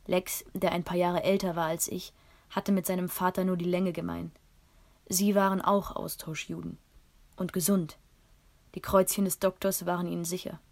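A woman reading a first-person story aloud in a calm, measured way. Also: lowish voice. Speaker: audiobook narrator.

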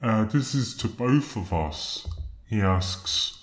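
A man's voice runs through a slowed-down effect, so it comes out deep and dragging. He talks in a fussy, earnest, literal-minded way as the co-host of a comic podcast, drawing out every word. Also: animated. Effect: slowed-down, deepened voice.

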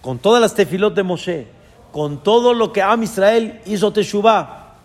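A rabbi gives an earnest sermon on scripture and weaves in Hebrew terms. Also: male voice, high voice, measured pace, big-room sound.

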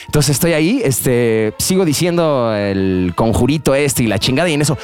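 A man's voice: medium pitch, moderate pace, over music. A young man with a Mexican accent telling a slang-filled story among friends and acting out the voices of the people in it. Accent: Mexican Spanish. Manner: slangy, animated, acts out voices in his anecdote.

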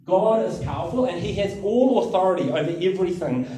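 Recorded on a distant mic in an echoey hall with crowd noise, a high-voiced pastor preaches briskly and animatedly. He shares a personal story in a chatty, self-deprecating style full of fillers.

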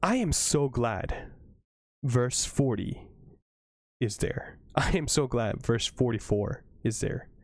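Excitable man leading a Bible reading. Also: on the high side, dry recording. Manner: earnest, excitable, with self-corrections and asides. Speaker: Bible study leader reading to a live audience. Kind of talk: Bible reading with informal commentary.

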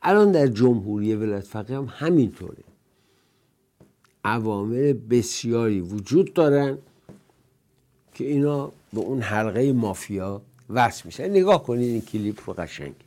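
An older man hosts a political talk show in a loose, rambling monologue. His voice is dark and mellow, sitting at an everyday pitch. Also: animated. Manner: conversational, rambling monologue with quoted verse. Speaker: host.

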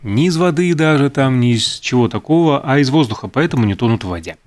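A man's voice: medium pitch, expressive, quick pace, a little mellow. A man co-hosting a show, chatting casually and reading out trivia with many fillers and self-corrections. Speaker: co-host.

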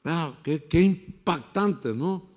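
A pastor preaching a sermon and telling stories, dropping to a hush and then building to shouts. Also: male voice, on the high side, lively intonation, takes it slowly. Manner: storytelling, swinging from hushed to shouting.

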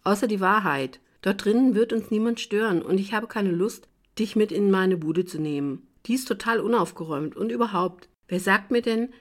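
A woman's voice: mid-range voice, moderate pace, lightly acted. A woman reading a sardonic young man. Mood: urging. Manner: mocking, wry. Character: bitter, sardonic young man drinking at a bar. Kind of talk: audiobook reading.

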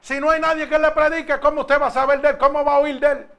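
High-voiced man preaching. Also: little pitch movement, fairly bright tone. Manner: conversational preaching, asks the congregation questions; slow, emphatic when reading scripture. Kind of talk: sermon.

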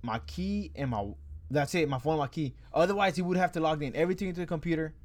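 A man's voice: a little high, fast. Slangy man telling a story. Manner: slangy, rambling, laughs through the story. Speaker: storyteller among friends. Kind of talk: casual chat.

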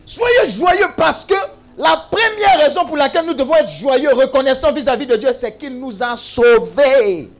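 High, animated preacher man. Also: normal speed, faint music behind. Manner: exclamatory, call-and-response with the congregation; humorous asides and teasing. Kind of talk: sermon.

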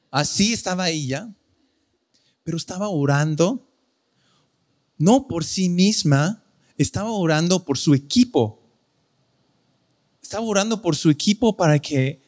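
A man's voice: fairly high pitch, darkish tone. A male pastor preaching a sermon in an earnest, conversational way, often correcting himself.

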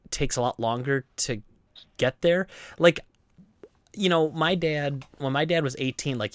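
A man in his late thirties talks in casual podcast chat, wandering through his thoughts with lots of fillers and false starts. His voice sits at an ordinary pitch, and the sound is dry and close, with no room echo. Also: clear, resonant tone. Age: 30s. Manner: rambling, many fillers and restarts. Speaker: podcast co-host.

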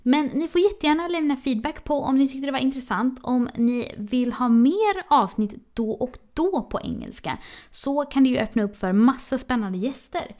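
A woman's voice: high-pitched, expressive, moderate pace, darkish tone. A Swedish woman hosting a podcast, friendly, often laughing between questions. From Sweden. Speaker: podcast host. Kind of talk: podcast interview.

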